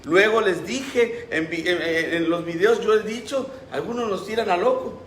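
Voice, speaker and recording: Impassioned pastor, fairly high voice. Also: male voice, normal speed, a bit bright, slight background noise. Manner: impassioned preaching, acts out quoted voices. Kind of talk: sermon. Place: church. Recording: roomy echo.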